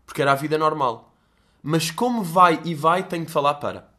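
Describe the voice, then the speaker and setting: A young man's sharp, slightly fast voice sits on the high side, carrying a European Portuguese accent. Hosting his own casual podcast, he meanders and makes fun of himself, with lots of swearing.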